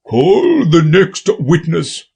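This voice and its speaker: A man voicing a pompous, fretful king in a storybook reading, slow and grave. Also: on the high side, huge pitch swings, darkish tone, husky, voice pushed up, exaggerated voice.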